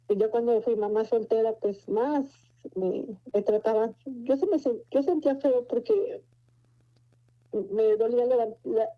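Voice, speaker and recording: A Mexican woman in her forties giving a personal faith testimony, telling her story in an earnest, meandering way. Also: fairly high pitch. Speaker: testimony speaker. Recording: muffled lo-fi recording.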